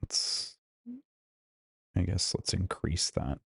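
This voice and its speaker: Speaking slowly in a steady tone, a man with a low, creaky voice and a breathy edge hosts a casual hotel-room live stream while losing his voice. He greets viewers one by one through a studio microphone attached to a laptop, and there's no room sound.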